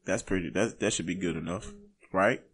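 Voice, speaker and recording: A man's voice: low voice, normal speed. A man with a velvety voice chatting casually and playfully as a podcast guest, with slangy swearing. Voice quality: velvety smooth voice. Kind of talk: casual chat.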